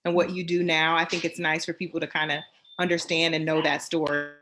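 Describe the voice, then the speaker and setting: A woman's voice: deep voice, little pitch movement, brisk, slight background noise. A woman hosting an interview over a video call, encouraging her guest with plenty of um's. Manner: warm, encouraging, fillers. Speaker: interviewer host.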